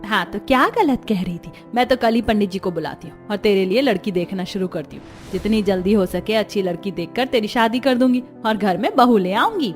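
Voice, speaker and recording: A woman's voice: medium pitch, animated, fairly quick, hardly any pauses, faint music behind, natural voice. A woman voicing a strict middle-aged mother who is firm and insistent, in a cartoon story. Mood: stubborn.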